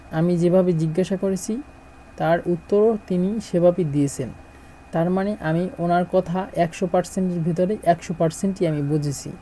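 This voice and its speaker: A middle-aged man from Bangladesh, teaching a language lesson and repeating words slowly as he drills them. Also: sits high, mellow, slight background noise, low-quality recording.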